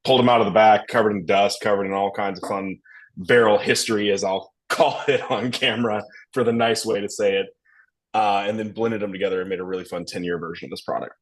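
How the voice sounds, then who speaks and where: A man's voice: fairly low pitch, steady tone, fast talker. A young man, a distillery blender talking through a tasting in a rambling, enthusiastic way. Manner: rambling, enthusiastic, lots of fillers. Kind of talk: casual tasting talk.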